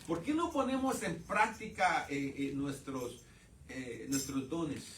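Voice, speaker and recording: Impassioned preacher, echoey church. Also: male voice, a little high, expressive, slow, recorded from a distance, slight background noise. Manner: impassioned, swings from loud outbursts to quiet asides; addresses the congregation as brothers. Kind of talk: sermon. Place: church sanctuary. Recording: roomy church sound from off-mic.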